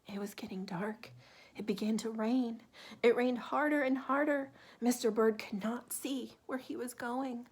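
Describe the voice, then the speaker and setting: A woman reading a children's picture book aloud in an expressive, deliberate way, with asides to young listeners. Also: a little high, breathy edge. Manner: animated, deliberate, asks the listener questions. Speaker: children's story reader.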